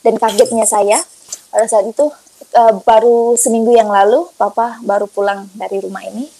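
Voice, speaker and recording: A woman recounts her personal faith testimony with a fairly high, breathy-husky voice. She tells the story emphatically and colloquially, repeating herself for effect. She often acts out the lines of the people in her story. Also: moderate pace, no room sound, low-quality recording. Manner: animated, emphatic storytelling with acted-out quotes; colloquial and repetitive. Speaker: guest giving a testimony.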